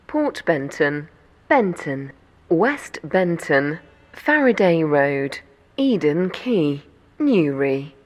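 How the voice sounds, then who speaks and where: A woman's voice giving automated train announcements on board and at the platform, in a measured, formal announcer manner. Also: on the low side, exaggerated voice. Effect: train announcement system voice.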